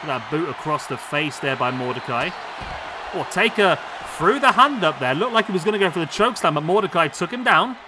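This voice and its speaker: A gaming YouTuber gives play-by-play commentary over a simulated wrestling match, breaking into excited exclamations. His slightly high voice is hoarse and giving out, and he talks fairly quickly. The noisy recording carries crowd sounds and clear background noise under his voice.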